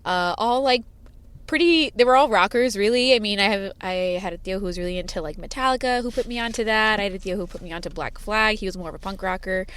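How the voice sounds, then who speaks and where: The woman, a band's singer-songwriter raised with sign language as her first language, speaks quickly in a mid-range voice that is clear, resonant and a bit bright. She is a guest in a casual interview chat in a parked car, rambling with frequent fillers and laughs.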